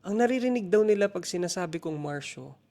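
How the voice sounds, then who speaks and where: A woman host from the Philippines asking relaxed questions and telling short anecdotes in a casual interview. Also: lowish voice, fairly quick.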